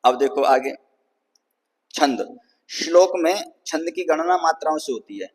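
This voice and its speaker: Male Sanskrit tutor, patient explainer, slightly high voice, long hall reverb on the recording. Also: measured pace, darkish tone. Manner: patient, repeats "ठीक है ना" to check understanding; draws out vowels to show their length. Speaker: Sanskrit teacher. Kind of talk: explanatory lecture.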